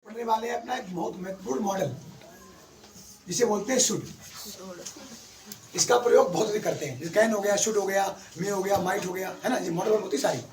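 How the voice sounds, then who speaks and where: A man's voice: high voice, fairly quick, pauses often, background noise. A man teaching an English class, quizzing his pupils and calling them beta. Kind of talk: classroom lesson. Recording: echoey classroom from far off.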